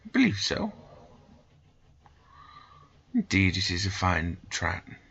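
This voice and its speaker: A man's voice: sits low, huge pitch swings, slow pace, fairly bright tone, husky, highs cut off, exaggerated voice. A man voicing a polite, stiffly formal male train guard. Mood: formal courteous.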